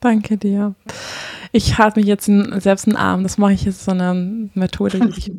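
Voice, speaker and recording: A woman's voice: medium pitch, little pitch movement, moderate pace, a little mellow, no room sound. A woman talks about her life in an open, heartfelt, chatty way, stumbling and restarting often. Her voice sits in the middle register. It is recorded close and dry, with no room sound. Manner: open, emotional, chatty with frequent fillers. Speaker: podcast guest, couples therapist. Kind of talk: casual heartfelt conversation.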